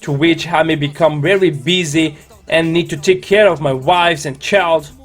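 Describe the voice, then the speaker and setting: Higher-pitched man with non-native English accent. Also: moderate pace. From China. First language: not English. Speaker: vlogger. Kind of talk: personal vlog narration. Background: background music.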